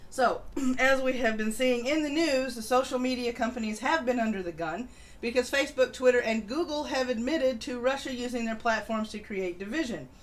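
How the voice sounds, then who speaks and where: A woman with a slightly high voice hosts a political livestream at a moderate pace, reading through the news and adding casual, opinionated commentary. She's informal and swears casually, and there's noticeable background noise.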